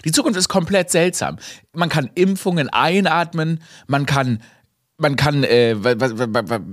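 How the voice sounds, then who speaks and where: A young man hosting a podcast, telling a comic story in a lively way, dropping English phrases and laughing at himself. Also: fairly high pitch, normal speed, no room sound, clean studio sound. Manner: animated, mixes in English phrases and laughs at his own story. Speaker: podcast host.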